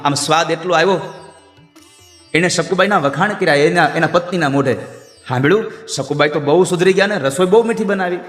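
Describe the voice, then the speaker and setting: A man telling a devotional story as a sermon, animated and acting out the characters' voices. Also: fairly high pitch. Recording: echoey hall with faint sitar.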